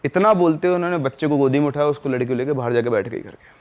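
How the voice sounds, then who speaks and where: A man's voice: mid-range voice, very fast, a little mellow, dull audio. A man casually telling a true horror story, dropping his voice at tense moments. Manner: conversational, drops voice at tense moments.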